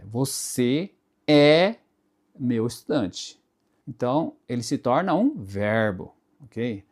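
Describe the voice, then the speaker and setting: A man's voice: on the low side, a little mellow. A man with a Brazilian Portuguese accent giving a casual spoken pronunciation lesson, explaining patiently with repeated examples and frequent checks like "right?". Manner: explains slowly with many tag questions and repeated examples. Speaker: Portuguese teacher.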